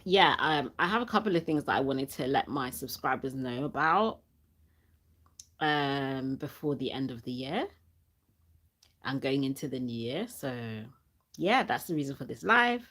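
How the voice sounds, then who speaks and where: A woman's voice: extremely low pitch, expressive, unhurried, a bit bright. A young woman hosting a casual livestream, chatty and laughing often, reading viewer comments aloud, with a cough sweet in her mouth and a sore throat. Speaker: channel host.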